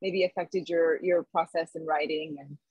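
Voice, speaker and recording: Brief: woman moderator, husky voice, dry close sound, slow careful questions over video call. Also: deep voice, fairly even intonation, a little mellow, no echo, poor audio. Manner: halting, measured questions with fillers. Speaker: interviewer.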